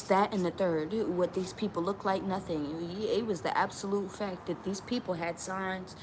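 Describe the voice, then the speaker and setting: A woman from New Mexico talks straight to camera in a casual vlog, pressing her points by repeating them and swearing now and then. Her voice sits on the lower side. A steady wash of background noise runs under the recording. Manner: emphatic, repeats lines, swears. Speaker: tarot channel vlogger.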